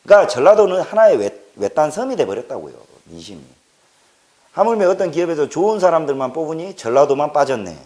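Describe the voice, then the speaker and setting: Emphatic Korean man with a lively, rising pitch. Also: fast. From Jeolla, South Korea. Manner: emphatic, repeats words for stress, rhetorical questions. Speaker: political commentator. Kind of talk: impassioned political monologue.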